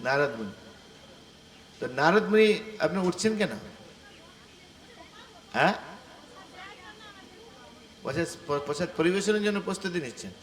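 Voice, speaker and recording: A male preacher giving an animated devotional sermon, asking the gathering rhetorical questions. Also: high voice, a little slow, pauses often. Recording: echoey room with faint ambience.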